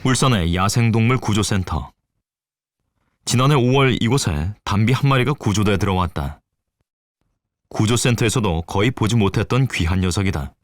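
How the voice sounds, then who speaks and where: Low-voiced male nature documentary narrator. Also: lively intonation. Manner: measured, formal delivery. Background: prominent background music.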